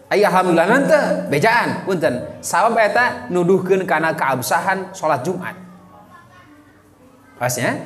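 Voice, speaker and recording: A man with a Sundanese accent giving an animated Islamic study lecture, often quizzing his listeners with questions. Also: sits high. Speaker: Islamic teacher. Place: mosque hall. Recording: echoey hall reverb.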